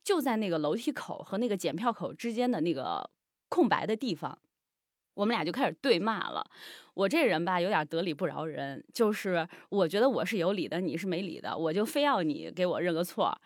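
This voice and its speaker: A woman telling her own story on a radio show, lively, blunt and outspoken. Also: fairly low pitch, fairly quick, no room sound, clean studio sound.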